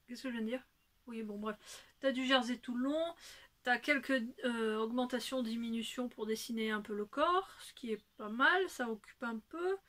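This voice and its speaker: A woman's voice: on the high side, a bit bright. A woman hosting a knitting video podcast, talking casually and rambling with many hesitations. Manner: rambling, chatty, full of hesitations. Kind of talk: casual chat.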